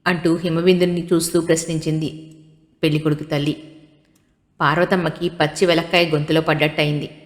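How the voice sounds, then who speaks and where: A woman narrating an audiobook story in a steady, storytelling manner. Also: low-pitched, a little fast. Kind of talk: scripted narration. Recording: long hall reverb.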